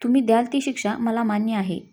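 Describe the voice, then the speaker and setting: A woman's voice: fairly high pitch, fast, dark tone, close to an everyday voice. A woman voicing a tearful young wife who pleads with her husband, in a read-aloud story. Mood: pleading.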